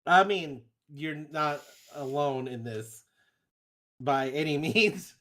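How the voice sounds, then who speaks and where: A man's voice: fairly high pitch, expressive, takes it slowly, pushed and bright. A man co-hosting a casual film podcast, joking around and laughing easily. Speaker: podcast co-host. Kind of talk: casual chat.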